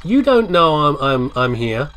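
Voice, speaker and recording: A British gamer doing a let's play chats casually over video game ambience, playfully muttering asides as he thinks aloud. His voice sits a little high, with big pitch swings, a measured pace and a fairly bright tone.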